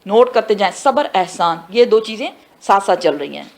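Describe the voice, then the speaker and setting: A woman teaches a tafsir class on the Quran, posing questions to her students and then answering them herself. Her medium-pitched voice is expressive, she slips in English phrases, and she slows down whenever she reaches the Arabic words.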